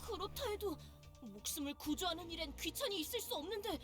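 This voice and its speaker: Brief: a bubbly, old-fashioned young lady knight, very high and fast-talking. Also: expressive, a bit bright, soft background music. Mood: earnest. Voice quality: old-fashioned formal speech. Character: spirited young female knight, archaic and excitable.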